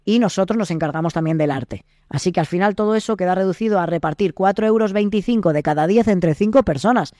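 A man's voice: high voice, fast talker, hardly any pauses, mellow, no room sound, clean studio sound. A young Spanish man, an actor, explaining his work in casual interview chat and acting out quoted dialogues. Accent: Spain Spanish. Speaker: actor and podcast guest.

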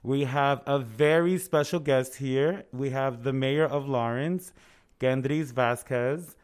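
A man hosts a podcast in a loose, conversational way, joking around and slipping into slang. His voice sits in an ordinary middle pitch, and he stays relaxed and chatty throughout. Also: slow, smooth. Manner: laid-back, joking, slangy. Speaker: podcast host. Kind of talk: casual podcast chat.

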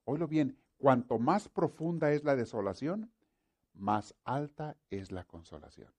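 An earnest male preacher delivers a sermon, circling back over the same points again and again. His voice is warm and mellow, sitting at an ordinary middle pitch. He speaks to his listeners as brothers. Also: animated, measured pace.

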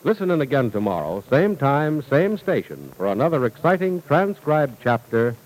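A man's voice: medium pitch, sing-song, moderate pace, a little mellow, rough recording. A man announcing in an old-time radio style, reading scripted serial teasers and sponsor copy with salesman's polish. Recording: old radio broadcast recording.

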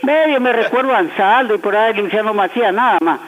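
A high-voiced caller over a tinny phone line, chatty and frank. He rambles a little, restarting his sentences as he talks with the radio hosts, with a faint hiss behind him. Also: lively intonation, fast talker. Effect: heard over a phone line. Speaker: radio call-in listener.

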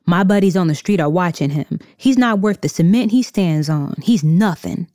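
A woman's voice: lowish voice, expressive, moderate pace, mellow, no room sound, clean studio sound, natural voice. A woman voicing a blunt, contemptuous father. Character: stern, dismissive middle-aged father.

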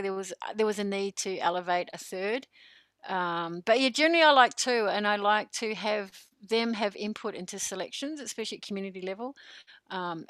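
Australian woman, coach and co-host, chatty and animated, dry sound. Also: medium pitch, clean tone, no room sound. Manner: animated, chatty, laughs often. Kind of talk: casual podcast chat.

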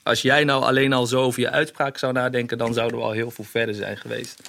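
A man's voice: medium pitch, level tone, fast, creaky, a bit bright. A man on a casual podcast who explains his views at length, with many fillers. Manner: reasoned, explains with many fillers like "zeg maar". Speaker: podcast co-host.

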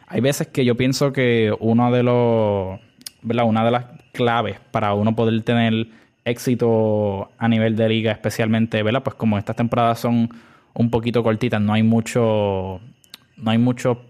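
A man's voice: mid-range voice, darkish tone. A young man with a Puerto Rican accent hosting a casual podcast monologue, chatty, with many fillers and English words mixed in. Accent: Puerto Rican Spanish. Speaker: podcast host.

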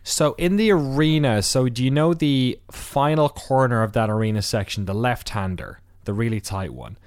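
A man's voice: mid-range voice, normal speed, smooth, no echo, studio quality. A man hosting a podcast, giving a casual race recap with wry asides, rambling through many fillers and restarts. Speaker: podcast host.

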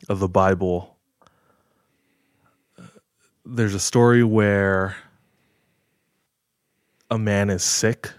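Man, low voice, slow unhurried pace, dry close sound, casual storyteller. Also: dry recording. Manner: measured, retelling with filler words. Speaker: podcast host telling a story.

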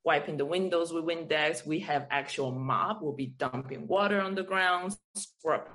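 Speaking at a moderate pace in a low-pitched but fairly bright voice, this podcast guest from Taiwan explains her perspective thoughtfully. She is an adult who teaches, makes art, and has a child in school.

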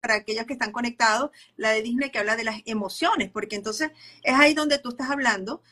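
Bright, high-voiced woman host. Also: fast talker. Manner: conversational, fillers, relates topics to examples. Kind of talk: casual interview chat. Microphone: live video stream.

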